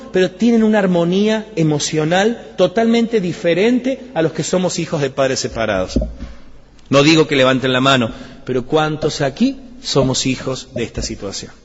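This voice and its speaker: A man with an Argentine accent giving an emotional church testimony, speaking with passion and rising to pleading questions. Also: high voice. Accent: Argentine Spanish. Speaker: lay preacher giving his testimony. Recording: dull lo-fi recording in a reverberant hall. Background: soft music under the speech.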